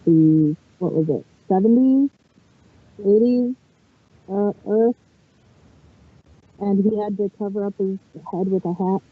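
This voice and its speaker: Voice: mid-range voice, slow, long pauses, breathy edge, no echo. A podcast co-host in casual chat, their voice muffled as if talking into a cup through a phone mic.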